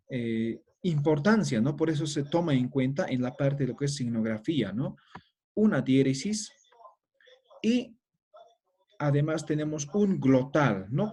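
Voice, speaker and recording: A man's voice: on the high side, warm tone. A middle-aged man teaching a language class, explaining step by step and checking in with listeners after nearly every phrase. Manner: explanatory, tag questions after each phrase. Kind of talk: classroom-style lecture.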